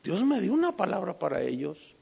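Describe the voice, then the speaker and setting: A man preaching a sermon with a high voice, his delivery dynamic as he tells a story. He drops to a hush on some lines and pushes hard on others. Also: huge pitch swings, a little fast, creaky, husky. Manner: dynamic, swings from hushed to emphatic.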